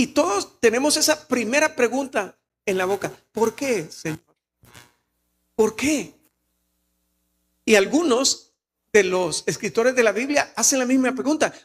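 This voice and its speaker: Speaking with a very high, breathy-edged voice, this Salvadoran-accented pastor gives a church sermon. He stays earnest and personal, occasionally rising to emphatic outbursts.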